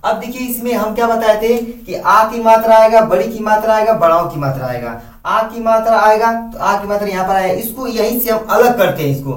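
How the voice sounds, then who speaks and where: A man with a fairly high voice teaches a grammar lesson. He repeats himself and asks questions that he answers himself. He is recorded from a distance in an echoey room. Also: fairly quick.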